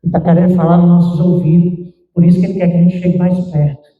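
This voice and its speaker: Brief: high-pitched male pastor, preaching with emphatic swings, recorded from afar in an echoey, muffled church. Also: level tone, fast, far from the mic. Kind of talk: sermon. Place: church sanctuary.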